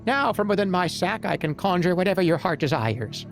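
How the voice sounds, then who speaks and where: Man putting on a high-pitched, flustered goblin peddler. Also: animated, a little fast, vocal fry, soft background music. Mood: flustered, scheming. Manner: theatrical, flustered, exclaiming. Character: frantic scruffy wild-eyed male goblin peddler in fox-pelt wig.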